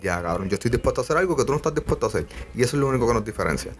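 A man's voice: medium pitch, expressive, very fast. A young man hosting a podcast, talking casually and earnestly, peppering his speech with swearing. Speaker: podcast host. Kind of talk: casual conversation.

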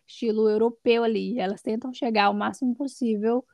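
Lively woman guest, dry close sound. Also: a little high, a little fast, gravelly, dry recording. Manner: lively, laughs often while telling stories. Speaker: podcast guest. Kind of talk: casual conversational storytelling.

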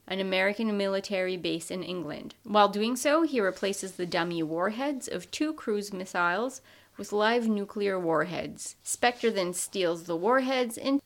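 A woman's voice: mid-range voice, a bit bright. A woman co-hosting a podcast, recapping a film plot in casual chat with wry asides. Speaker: podcast co-host.

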